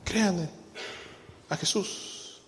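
A man with a Mexican accent preaching a sermon to his congregation, moving from loud exhortation to quiet, personal storytelling. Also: sits high, takes it slowly, long reverb tail, slight background noise. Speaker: pastor. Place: church.

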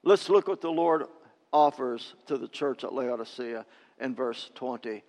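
A male pastor preaching a sermon, emphatic, swinging between loud declarations and hushed appeals, in a church sanctuary. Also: medium pitch, unhurried, long reverb tail.

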